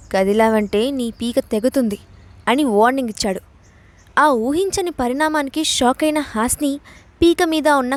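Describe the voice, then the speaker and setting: A woman narrating an audio drama story in an expressive, dramatic way. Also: on the high side, dry recording.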